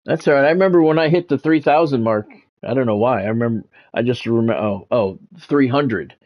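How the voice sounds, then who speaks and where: The recording is muffled as a middle-aged man with a brisk, mid-range voice delivers live sports game commentary like a radio announcer. Chatting with viewers, he repeats phrases for emphasis while streaming.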